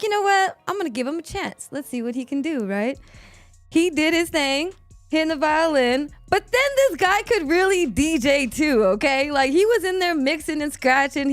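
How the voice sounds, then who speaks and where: A woman's voice: high-pitched, no room sound. A woman hosting a talk show, chatty and upbeat, telling stories and drawing out her guest. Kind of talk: casual interview chat.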